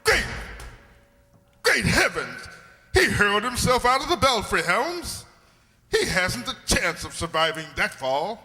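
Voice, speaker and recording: A man playing an excitable, earnest doctor, the detective's loyal sidekick in a radio mystery, given to exclamations. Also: sits high, unhurried, exaggerated voice. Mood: shocked, urgent. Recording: long hall reverb.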